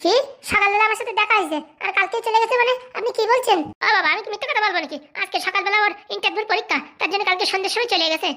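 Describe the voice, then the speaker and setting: Woman voicing a shrill quick-fire scolding housewife. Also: pushed and bright. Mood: bickering. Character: sharp-tongued middle-aged housewife of a politician. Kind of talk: comedy cartoon voice acting.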